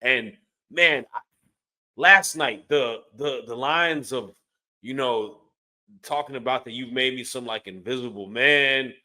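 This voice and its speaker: Man, medium pitch, forceful bright tone, casual fan talk, emphatic, earnest. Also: unhurried. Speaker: wrestling podcast commentator.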